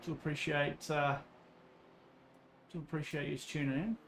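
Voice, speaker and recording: A man's voice: fairly high pitch, steady tone, measured pace, a bit bright. A man with an Australian accent casually commentating on a livestream in a laid-back, blokey, matey way. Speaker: livestreamer racing in an online endurance sim race. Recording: some background noise.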